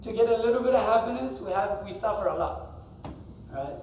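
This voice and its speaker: His voice sits high and sounds animated and brisk, with a darkish tone and a little background noise. He's teaching scripture to a group in a temple hall, speaking conversationally, quizzing people and laughing a lot, captured by a far-off mic in an echoey space.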